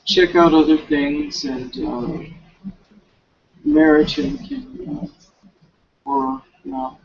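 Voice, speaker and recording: On a dull home recording, a young man studying a novel for a class paper rambles through a recap mostly to himself. He sounds a little high and very animated with a breathy edge, using slangy, halting phrases and correcting himself along the way.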